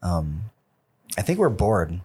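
A man's voice: sits low, big pitch swings, slow, dark tone, slightly rough. A young man hosting a podcast in a loose, rambling chat full of fillers. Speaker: podcast host. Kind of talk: casual chat.

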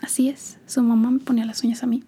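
Young Mexican woman host, slangy and confiding, husky mellow voice, slightly high. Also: little pitch movement, quick pace. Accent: Mexican Spanish. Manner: soft, often half-whispered, slangy confiding delivery. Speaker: podcast host. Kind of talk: storytime monologue.

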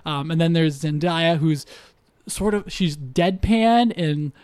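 Higher-voiced man rambling about movies. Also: slow, a little mellow, clean tone, dry recording. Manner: rambling, hesitant, many fillers and restarts. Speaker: podcast co-host. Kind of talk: casual podcast chat.

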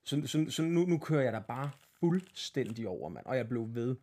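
Male co-host from Denmark, blunt, salty storyteller, mid-pitched voice. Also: sing-song, a little mellow. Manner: blunt, swear-heavy storytelling. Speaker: podcast co-host. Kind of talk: casual podcast chat.

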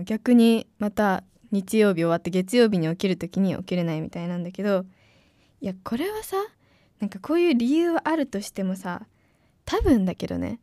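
A young woman, an announcing student, talking excitedly and informally as a radio talk host. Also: medium pitch, no room sound, studio quality. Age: young adult. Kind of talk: casual solo radio talk.

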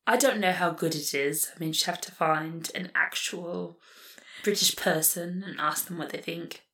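A woman co-hosting a podcast with a lower, relaxed voice. She chats casually, wry and rambling, with plenty of fillers. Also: moderate pace. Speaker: podcast co-host. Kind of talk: casual chat.

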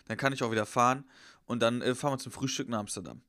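Fast-talking young man telling a story. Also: mid-range voice, fairly even intonation, a bit bright, no echo, clean studio sound. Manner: rambling, slangy, acts out quoted voices. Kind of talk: casual storytelling chat.

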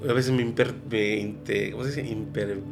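A man with a Mexican accent, a podcast guest, telling stories in an excitable, rambling way. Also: on the low side, moderate pace, creaky, music in the background. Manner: excitable, rambling, restarts sentences. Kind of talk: casual chat.

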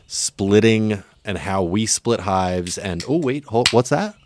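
A man with a low voice hosts a podcast out in an open natural area. His talk is laid-back and slangy, and the sound is dry, with no room echo. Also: animated, slow pace. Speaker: podcast host. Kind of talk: casual podcast chat.

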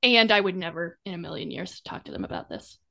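A woman co-hosting a podcast in casual chat, talkative and quick to laugh. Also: on the low side, gravelly. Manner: chatty, laughs often, animated retellings. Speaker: podcast co-host.

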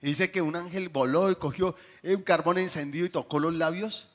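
A man preaching a sermon to his congregation, asking them questions and swinging between loud bursts and soft, drawn-out phrases. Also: fairly high pitch.

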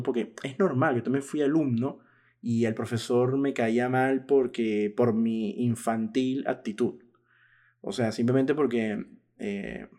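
A man in his thirties with a warm, relaxed voice hosts his own podcast. He thinks aloud in a loose, candid monologue at a middle pitch, chuckling at himself now and then. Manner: thoughtful, frank, laughs at himself. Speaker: podcast host. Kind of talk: casual reflective monologue.

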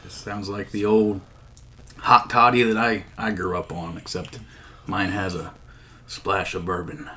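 A man co-hosting a casual sports podcast, talking in halting, hesitant phrases. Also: low-pitched, level tone, sharp tone. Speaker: podcast co-host.

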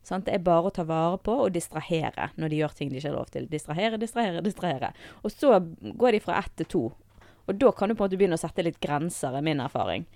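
A woman guest on a podcast telling lively stories about raising children. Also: sits low, vocal fry, no echo, studio quality. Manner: lively storytelling, quick asides. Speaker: guest, mother. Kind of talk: casual podcast chat.

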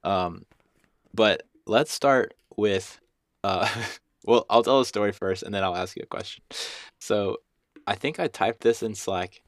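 A young man with a low voice talks loosely on a podcast. He rambles and pokes fun at himself, restarting his sentences often. His recording is dry and close, with no room sound. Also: a little slow, no room sound. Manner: rambling, self-deprecating, many restarts and fillers. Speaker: podcast co-host and youth basketball coach. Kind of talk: casual podcast chat.

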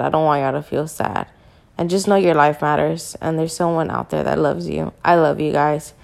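A woman's voice: on the low side, creaky. A young woman hosting a casual solo podcast, candid and profane, with a slight Spanish-speaking accent. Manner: candid and profane, warm sign-off. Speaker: podcast host.

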